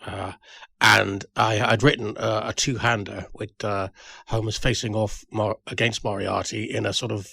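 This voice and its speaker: Man, low voice, hesitant with fillers, tribute reminiscence, dry close sound. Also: flat delivery, a little slow, vocal fry, bright, forceful tone, breathy edge, no room sound. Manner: hesitant, many fillers and restarts. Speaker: audio drama writer.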